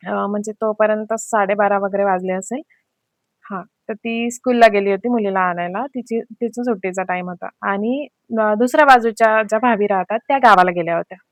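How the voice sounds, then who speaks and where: A young woman vlogger telling a frightening personal story in a casual, anxious way, with many fillers and pauses. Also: mid-range voice, no room sound.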